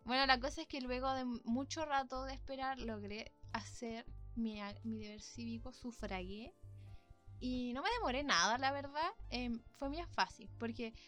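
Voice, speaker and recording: A young woman with a Chilean Spanish accent tells a story in a relaxed, chatty way. Her voice sits a little high and stays animated and playful. Faint music runs quietly under her. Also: normal speed. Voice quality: animated and playful, peppered with slang. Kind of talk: casual storytelling chat.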